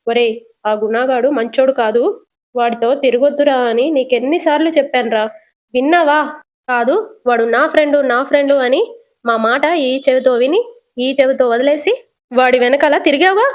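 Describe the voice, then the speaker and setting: A grieving widowed mother who curses and sobs at her wayward son, her speech drawn out through tears, played by a woman retelling a TV serial. The voice sits high and lifts sharply when she pleads. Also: normal speed, natural voice. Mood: weeping reproach. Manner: weeping, scolding.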